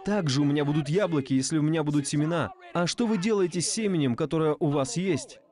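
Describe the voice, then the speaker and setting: A man's voice: on the high side, quick pace, a little mellow. A man voicing a preacher's sermon in a dub, repeating phrases and asking the audience rhetorical questions. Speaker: voice-over translator of a preacher. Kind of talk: dubbed sermon.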